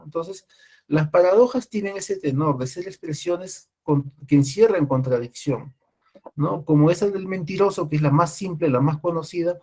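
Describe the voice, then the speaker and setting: A man giving a classroom lecture in a slightly high voice. He talks through his points patiently, often pausing to check that the class is following, and he restarts words as he goes. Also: darkish tone, breathy edge. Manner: explains with frequent "¿no?" and "¿ya?" checks, restarts. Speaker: teacher.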